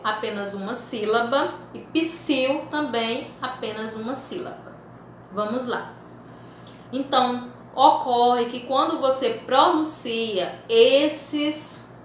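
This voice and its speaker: A woman teaching a school language lesson, slowly stretching out and repeating example words so pupils can follow. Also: a little high, a little hiss or hum. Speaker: Portuguese teacher. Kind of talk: recorded remote school lesson. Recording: echoey room.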